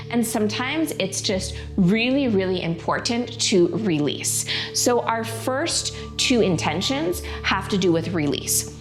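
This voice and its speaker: A woman with a medium-pitched voice leads a prenatal yoga class over music. She instructs casually, with an encouraging, playful and informal way of talking.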